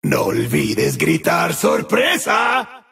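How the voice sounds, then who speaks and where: An actor voicing a gleefully murderous demonic party clown for a video game, with a gravelly, raspy, cackling voice and a Latin American Spanish accent. He taunts in a singsong, breaks into manic shouts, and drops into sudden low growls. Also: wildly swooping pitch, slow, faint music behind, heavily acted. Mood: gleeful menace.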